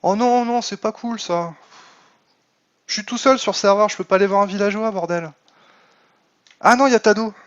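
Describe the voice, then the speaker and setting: Man, game streamer, fairly high voice, chatty, lots of fillers, dull lo-fi mic. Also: normal speed. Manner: chatty, thinks aloud with many fillers, reads chat aloud. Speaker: Minecraft modpack streamer. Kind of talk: casual live let's play commentary.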